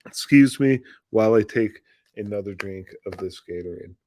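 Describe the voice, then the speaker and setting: Hoarse man rambling through news. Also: lowish voice, moderate pace, darkish tone. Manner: rambling, loose, with off-the-cuff asides and restarts. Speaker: livestream news show host. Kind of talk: reading news stories aloud with casual commentary.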